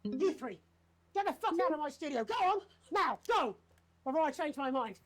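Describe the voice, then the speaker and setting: A british newsreader gone off the rails in a game, high strained pitch, sweary and bossy. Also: male voice, sing-song, normal speed, fairly bright tone, full character voice. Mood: menacing command. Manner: theatrical, sweary, commanding, sardonic. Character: unhinged, bitter male TV news anchor holding studio hostage. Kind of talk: dramatic live-broadcast acting.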